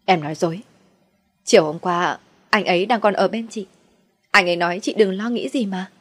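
A woman's voice: mid-range voice, normal speed, fairly bright tone, natural voice. Brief: young woman, grief-stricken and defiant, raised urgent voice, read by a female narrator. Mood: shocked. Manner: pleading then defiant outbursts.

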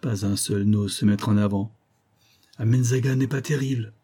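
Man reads a fretful actress, low and breathy, pressed for time. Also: steady tone, normal speed, dark tone. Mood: exasperated. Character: fiery scheming female actress.

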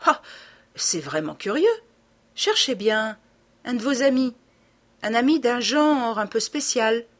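Woman reading a cocky young gentleman thief, husky, mocking, voice bouncing all over. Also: on the high side, expressive, slow pace, voice pushed up, exaggerated voice. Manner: mocking, gleeful, theatrical. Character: young male gentleman thief, playful and ironic. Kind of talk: audiobook character reading.

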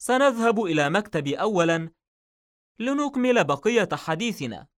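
A man reading an audiobook novel, voicing a calm, confident male police detective in a raised voice. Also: moderate pace. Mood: calm, firm. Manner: calm and assured, slightly raised pitch.

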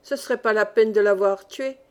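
A woman's voice: mid-range voice, moderate pace, darkish tone, close to an everyday voice. A woman reading aloud, voicing a bossy village boy who scolds his playmates. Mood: vexed. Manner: rough, scolding child's talk.

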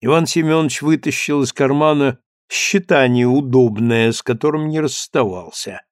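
A man narrating an audiobook story in a measured storytelling manner. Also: mid-range voice, no echo, studio quality.

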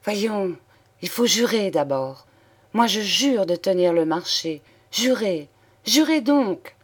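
A woman voicing a proud, desperate young woman in a storybook reading, speaking hushed and strained. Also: fairly low pitch, little pitch movement, unhurried. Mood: strained pleading. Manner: hushed then sharp and strained.

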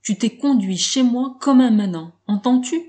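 A stern older uncle lays down the law in a grave, scolding tone, as a woman reader puts him on. The voice sits mellow and warm rather than harsh, and the telling feels like a storybook reading. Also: medium pitch, unhurried, close to an everyday voice.

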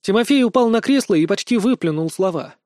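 A man reads the narration of an audiobook with steady, dramatic storytelling. His voice is slightly high and mellow, recorded close in a dry, dead space. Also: brisk, no room sound. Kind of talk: scripted narration.

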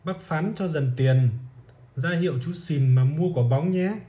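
A man's voice: a little high, unhurried, warm tone, natural voice. A man reading a story aloud, voicing a cheerful grown man who coaxes a little boy with playful questions. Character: cheerful male family friend, doting on a boy.

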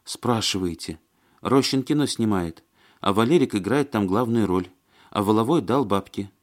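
A man's voice: on the low side, expressive, normal speed, pitched above the performer's own voice, lightly acted. A man reading an audiobook and voicing a fussy, flustered woman who chatters and complains in a plaintive, agitated way. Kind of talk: audiobook character voice.

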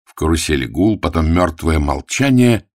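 A man reading a play aloud, giving the stage directions in a quiet, flat manner. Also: very deep voice, normal speed, no echo, studio quality. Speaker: reader.

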